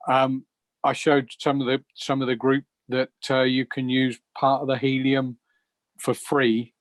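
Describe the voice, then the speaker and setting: A man's voice: medium pitch, completely flat delivery, a little slow, dry recording. A man explaining something casually as a participant on a group call.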